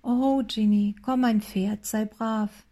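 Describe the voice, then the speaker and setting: A woman's voice: a little high, fairly even intonation, slow, dark tone. A woman reading the part of an exhausted male farmhand who mutters wearily to himself in a storybook. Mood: coaxing. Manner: weary muttering.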